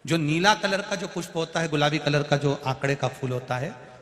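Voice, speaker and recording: A man preaching a devotional scripture sermon to a large gathering, dramatic and emphatic, with sudden swings in loudness. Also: on the high side, moderate pace. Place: large hall before a crowd. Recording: echoey hall with long reverb.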